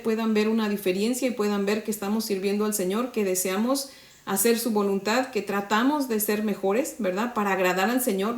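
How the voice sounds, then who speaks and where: With a mid-range voice in a roomy-sounding recording, a woman from Mexico leads a Bible lesson for women. She keeps it conversational and devotional, frequently checking on her audience with "¿verdad?".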